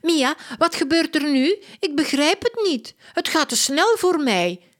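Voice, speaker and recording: A woman voicing a curious little girl who keeps asking questions, read slowly from a storybook. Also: lively intonation. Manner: eager, questioning, high-pitched. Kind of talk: slow storybook reading.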